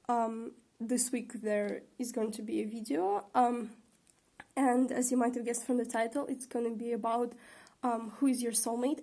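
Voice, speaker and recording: A woman's voice: fairly high pitch, mellow. A young woman hosting a casual tarot reading, rambling and chatty with lots of fillers, her voice a little shaky from a recent sore throat. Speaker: tarot reader and channel host.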